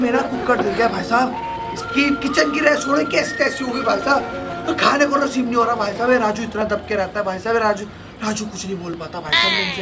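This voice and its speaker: A meddling neighbor who keeps repeating himself as he gossips, played by a man. His voice sits very high. Loud music plays under him throughout. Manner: repeats "brother" every phrase, gossipy. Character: gossiping middle-aged male neighbor, meddling and insistent. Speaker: comedy sketch actor.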